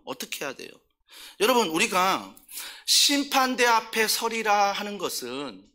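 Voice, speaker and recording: A male senior pastor preaching a sermon. He asks the congregation questions and answers them himself, swinging from emphatic outbursts to soft, low asides.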